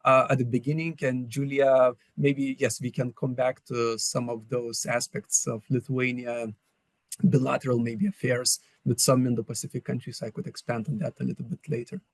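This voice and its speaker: A man's voice: mid-range voice, level tone, moderate pace, no echo. A man who teaches at a university gives hesitant, carefully phrased commentary on a webinar panel over a video call. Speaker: university lecturer and panel discussant.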